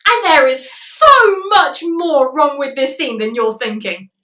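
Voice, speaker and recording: A woman narrates a comedic film review with sarcastic, sweary exasperation. Her voice is high and bright. The recording sounds roomy, with the mic a little distant. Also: very animated, a little slow.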